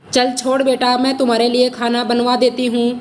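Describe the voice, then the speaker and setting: A woman's voice: on the high side, monotone, moderate pace, in a large hall, slight background noise, close to an everyday voice. A woman voicing a doting but complaining older mother in a storybook reading, with a fussy, grumbling manner. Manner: soothing, then grumbling.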